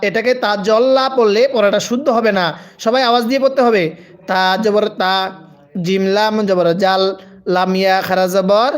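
A high-voiced man speaking at normal speed with fairly even intonation leads a live Quran reading lesson. He spells out letters and vowels and lengthens each word, urging listeners to repeat aloud with him.

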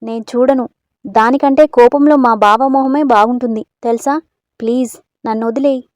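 A woman voicing a feisty, sharp-tongued young woman who talks in quick exclamations in a storybook. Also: fairly high pitch, steady tone, no echo, clean studio sound, close to an everyday voice. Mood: frightened sassy.

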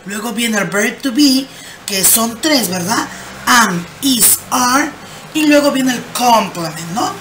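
A woman's voice: fairly high pitch, lively intonation. A woman, teaching English grammar patiently and answering her own questions. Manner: patient, asks rhetorical questions and answers them; reads English examples slowly and clearly. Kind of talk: slow explanatory grammar lesson. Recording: faint background noise.

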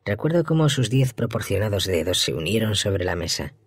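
Man, audiobook narration, very low voice, dry close sound, measured steady reading. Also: breathy edge, no echo.

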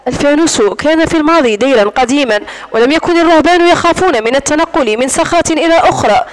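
A woman's voice: high-pitched, poor audio. A woman reading as a sneering, domineering rich man. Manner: mocking, cold and controlling. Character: sneering wealthy Greek man, domineering captor. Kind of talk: audiobook narration.

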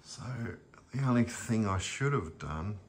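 A man with a lowish, expressive voice speaks a little slowly while casually showing his home kitchen and pantry. The rambling tour, full of fillers and restarts, is filmed indoors on a handheld phone camera with slight background noise.

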